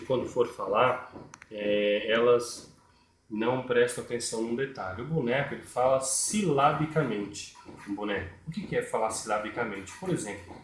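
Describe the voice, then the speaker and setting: A man's voice: medium pitch, a little mellow. A man, teaching puppetry step by step and repeating his points. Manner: repetitive, explains step by step. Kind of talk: tutorial explanation. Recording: echoey room.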